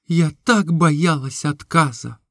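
A man's voice: fairly high pitch, takes it slowly, a bit bright, no room sound, studio quality. A man reading an audiobook, voicing a young woman who is tearful and impassioned in her telling. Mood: pleading. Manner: rising to sobbing outbursts.

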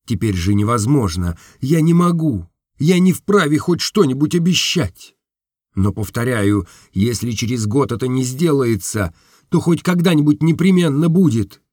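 Brief: male reader playing a poor earnest young man, measured and gentle, dry close voice. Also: medium pitch, animated, dry recording, close to an everyday voice. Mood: solemn. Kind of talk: audiobook reading.

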